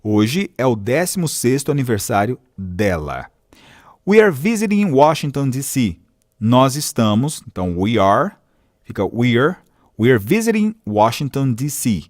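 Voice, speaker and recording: A Brazilian man teaching an English lesson at an unhurried pace, with a lively, rising and falling pitch. He reads each phrase slowly, says it again, and explains it step by step. The recording is dry and close. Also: dry recording. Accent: Brazilian Portuguese.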